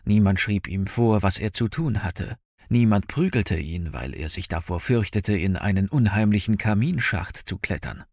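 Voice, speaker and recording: A man narrating an audiobook in an expressive, dramatic storytelling manner. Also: lowish voice, normal speed, no room sound, studio quality.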